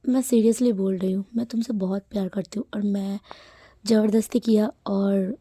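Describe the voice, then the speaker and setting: A woman voicing a clingy, lovesick young husband who coaxes slowly in a soft, half-whispered voice. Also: medium pitch, steady tone, dry recording, clean studio sound, lightly acted. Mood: pleading. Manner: soft, slow, coaxing, often half-whispered.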